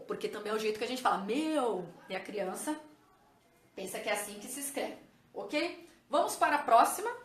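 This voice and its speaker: High-voiced woman teaching in an echoey room. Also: a bit bright. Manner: patient, addresses viewers as "gente", checks with "ok?" and "tá vendo?". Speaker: teacher and educational psychologist. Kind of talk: explanatory video lesson.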